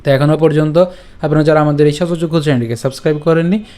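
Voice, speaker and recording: A man's voice: on the high side, fairly even intonation, warm tone, a little hiss or hum. Patient man teaching verse recitation. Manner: slow syllable-by-syllable chanting demonstrations; patient, repeats and checks understanding. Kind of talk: pronunciation tutorial.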